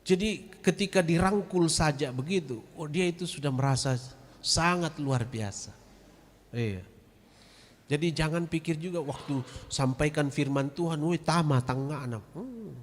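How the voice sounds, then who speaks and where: A pastor who is also a grief counselor gives a chatty, direct training talk to church members in a church hall, addressing them as "Bapak Ibu." His voice is a little high and unhurried. The hall's long reverb carries over, along with slight background noise.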